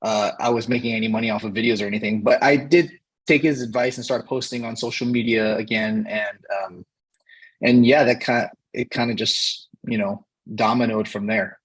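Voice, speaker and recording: A man in his thirties from Hawaii, a cheer coach, talking casually in an interview and pausing often to find his words. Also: on the low side, steady tone, slightly rough, poor audio. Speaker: cheer coach, podcast guest.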